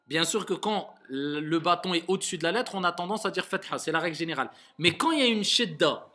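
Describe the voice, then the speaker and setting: A man teaching Arabic reading to a class, patiently repeating words slowly and clearly to correct his students. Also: sits high, expressive, pushed and bright. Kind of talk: classroom lesson.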